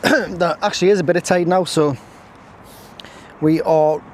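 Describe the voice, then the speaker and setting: A man's voice: high-pitched, a little fast. A man chatting casually to camera while fishing outdoors on a windy riverbank, full of jokey, self-mocking asides. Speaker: angling vlogger. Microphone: camera on a stand, at times stepping away.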